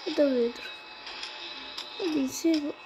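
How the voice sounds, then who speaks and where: Over music, a young girl with a high voice chats at a moderate pace during casual gameplay on her channel. She talks to herself as she plays and is quick to get startled.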